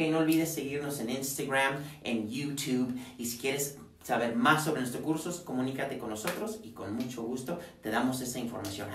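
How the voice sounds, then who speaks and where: A man teaching a pronunciation lesson in a classroom, repeating words slowly for his students to drill. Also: on the high side. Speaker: English teacher. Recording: echoey room, mic at a distance.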